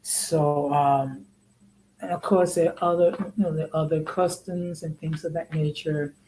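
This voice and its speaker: A man's voice: fairly high pitch, little pitch movement, measured pace, warm tone, slight background noise, low-quality recording. A man in his sixties from the United States, hosting a casual live-stream talk in a conversational way and often checking in with "okay?". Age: 60s. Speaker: host.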